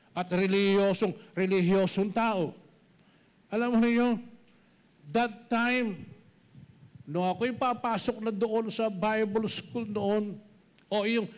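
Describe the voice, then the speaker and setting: A middle-aged man with a Filipino accent preaching a sermon, mixing Tagalog and English and calling his listeners brothers and sisters. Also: sits high. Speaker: pastor.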